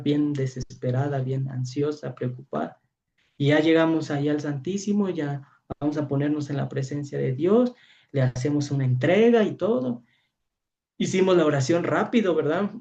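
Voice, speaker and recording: A priest with a Mexican Spanish accent, preaching in a storytelling way, acting out voices and often asking "¿verdad?". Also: male voice, a little high, dark tone. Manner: storytelling, acts out voices, frequent rhetorical "¿verdad?". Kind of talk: preaching to a youth training session. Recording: dull lo-fi audio.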